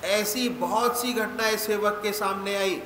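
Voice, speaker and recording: A man, a spiritual teacher giving a slow, measured sermon with deliberate pauses. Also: high-pitched, fairly even intonation, fairly bright tone, slight background noise. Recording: echoey hall with faint ambience.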